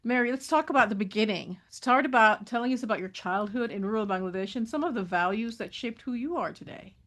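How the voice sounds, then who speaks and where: A woman's voice: a little high, fast, fairly bright tone. A woman hosting an interview show, reading polished introductions and asking questions, often murmuring agreement while her guest speaks.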